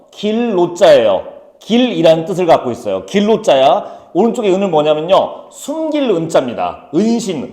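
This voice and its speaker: A man teaching a high school Korean class, brisk and teasing, calling on students by name. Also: mellow. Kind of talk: classroom lecture. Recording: echoey classroom.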